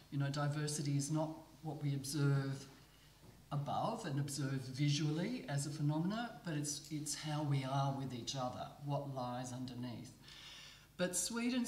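A middle-aged woman from Australia, speaking as a migration researcher on a panel, measured and thoughtful with many pauses. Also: low voice, darkish tone. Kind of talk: panel talk at a book presentation. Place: gallery room, panel at a table. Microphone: table mic on a stand. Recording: roomy gallery echo.

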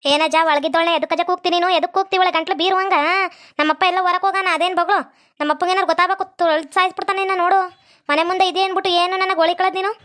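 A woman's voice: very high-pitched, fairly even intonation, fairly bright tone. A woman with a North Karnataka Kannada accent voicing quarrelsome, dramatic young village women in a comedy cartoon. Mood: scolding. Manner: quarrelsome, scolding, rapid-fire. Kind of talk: comic cartoon voice acting.

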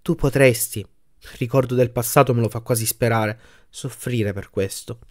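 A man voicing a sorrowful young woman in an audiobook, speaking softly and quietly as she lets her lover go. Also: mid-range voice, normal speed, voice pushed down, close to an everyday voice. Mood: resigned. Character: young woman, sad, gently firm.

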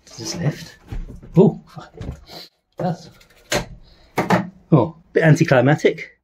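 Heavy background noise surrounds a man on the high side who speaks slowly but animatedly. Restoring a classic van for his vlog, he walks around it in the workshop with chatty, curious remarks, thinking aloud.

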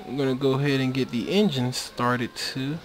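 The recording is very noisy as a man with a mid-range voice comments on a video game at a moderate pace, his intonation fairly even. He rambles casually, restarting often and using many fillers, and his USB mic cuts out.

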